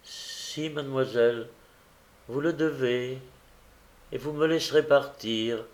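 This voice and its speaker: A man's voice: medium pitch, slow pace, close to an everyday voice. A man reading the part of a desperate, remorseful young woman who pleads through tears, in a fervent, anguished way.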